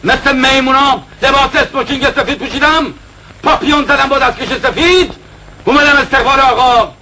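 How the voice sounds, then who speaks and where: An actor playing a frantic middle-aged man near breakdown, ranting bitterly and shouting in an Iranian film drama. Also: very high voice, slight background noise, full character voice, rough recording. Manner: shouting, bitter, agitated rants.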